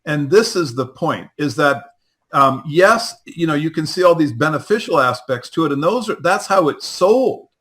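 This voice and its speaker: Bright-voiced man explaining with fillers. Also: a little high, animated, moderate pace. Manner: hesitant, with many fillers. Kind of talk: political talk, explaining a theory.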